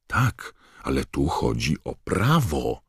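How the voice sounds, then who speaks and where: A man's voice: very deep voice, expressive, moderate pace, gravelly, breathy edge, no room sound, studio quality, exaggerated voice. A man voicing a clever, earnest teenage girl witch who speaks anxiously and asks pointed questions.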